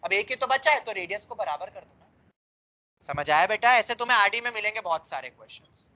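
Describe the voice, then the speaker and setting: Bright-voiced maths teacher. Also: male voice, high-pitched, animated, brisk, low-quality recording. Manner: explains patiently, calls students beta, mixes English terms into Hindi. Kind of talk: classroom lecture. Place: classroom with students, also teaching online.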